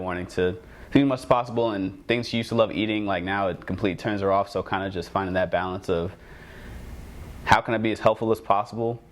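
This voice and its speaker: A man around thirty, an expecting father on a discussion panel, speaking casually and easily. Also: on the low side. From Arizona. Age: 30s.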